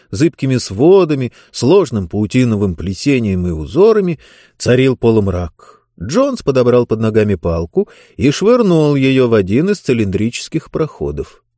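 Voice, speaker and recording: A man narrating a fantasy story with expressive, dramatic intonation, read close to the mic. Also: mid-range voice, moderate pace, dry recording. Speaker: audiobook narrator.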